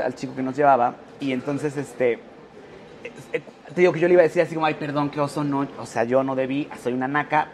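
A man's voice: on the high side, slight background noise. A man with a Mexican accent telling a gossip story as a guest on a live talk show, acting out the quoted voices in it. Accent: Mexican Spanish. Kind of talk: casual chat.

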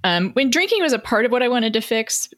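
Speaking quickly and very animatedly in a slightly high voice, this middle-aged woman shares a personal story as an interview guest. The talk is conversational, reflective and self-deprecating, and she keeps asking "right?" to check in.

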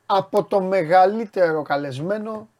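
A man with a somewhat high voice hosts a studio show. He teases his guests and talks straight to the viewers in a playful tone. Now and then he puffs himself up into loud, mock-grand announcements. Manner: teasing, bursts into loud mock-grand declarations. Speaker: show host.

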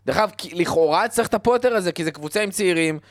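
A man co-hosting a football podcast, explaining points in measured casual chat. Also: high voice, no room sound, studio quality. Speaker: podcast co-host.

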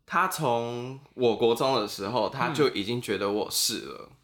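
Animated young man, Taiwanese Mandarin accent. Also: medium pitch, moderate pace. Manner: animated storyteller, laughs often. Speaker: guest. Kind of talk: casual chat, storytelling.

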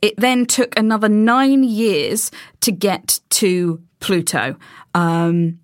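A woman's voice: medium pitch, slow pace, no echo, studio quality. A woman explaining space science in casual chat, with many ums and restarts.

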